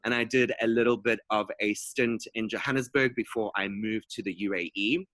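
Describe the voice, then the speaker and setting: A man's voice: fairly low pitch, fairly even intonation, normal speed, a bit bright, no echo. A man from South Africa, a guest speaker giving a conversational career talk with frequent fillers and restarts.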